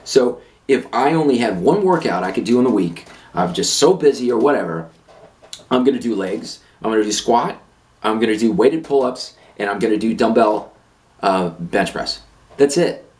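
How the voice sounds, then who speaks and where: A man's voice: fairly low pitch, animated, moderate pace, darkish tone. A man on a fitness channel, ranting to camera, blunt and emphatic, who hammers his points home by repeating them. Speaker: fitness vlogger.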